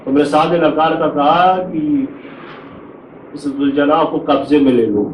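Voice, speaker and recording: A man delivers a reverent mourning sermon, his voice sitting high. He is picked up from a distance, so the hall's echo rings around him. A faint hiss of noise sits underneath. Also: fairly even intonation, unhurried. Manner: solemn, reverent preaching with Arabic honorifics. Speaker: Shia cleric preaching a majlis. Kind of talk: Urdu majlis sermon with lament recitation. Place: mourning hall. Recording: echoey hall from far off, faint noise.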